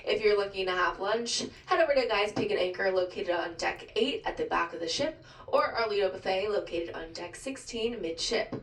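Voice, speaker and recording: A woman making a firm, scripted announcement over a cruise ship's public address loudspeaker. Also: mid-range voice, moderate pace. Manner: firm, clear instructions. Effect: ship public address loudspeaker. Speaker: ship announcer. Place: cabin aboard a cruise ship, heard over the PA. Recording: echoey loudspeaker heard from far off.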